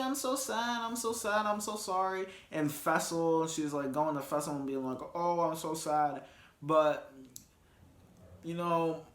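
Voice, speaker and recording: A man's voice: a little high, fairly bright tone. A man hosting a casual vlog, rambling through sports and reality-show talk with frequent restarts. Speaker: vlog host. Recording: roomy echo.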